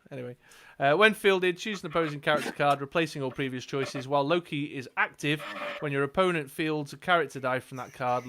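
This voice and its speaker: A man's voice: fairly high pitch, sharp tone, a little hiss or hum. A man co-hosting a casual dice game stream, talking his team through with lots of fillers and reading out card text. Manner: chatty, many fillers, reads out card text. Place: indoors at a gaming table.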